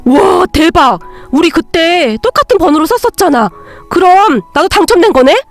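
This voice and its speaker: A woman voicing an angry, greedy young man, an ex-boyfriend who shouts and accuses, drunk, in a storybook narration. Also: extremely high pitch, animated, normal speed, soft background music, voice pushed up. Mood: excited.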